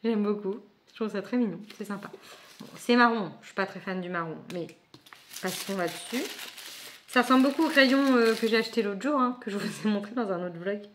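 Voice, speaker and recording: A woman's voice: medium pitch, fairly quick, a little hiss or hum. A woman vlogging casually as she unboxes a book subscription box, chatty and thinking aloud with frequent asides.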